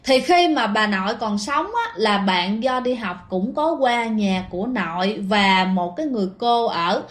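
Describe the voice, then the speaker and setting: A woman's voice: mid-range voice, expressive, measured pace. A woman narrating a ghost story in a casual, chatty way, talking straight to her listeners with plenty of fillers. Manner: chatty, addresses listeners directly, many fillers.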